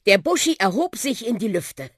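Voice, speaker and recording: A narrator reading a children's audiobook with expressive, lively storytelling. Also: mid-range voice, moderate pace, no echo, studio quality.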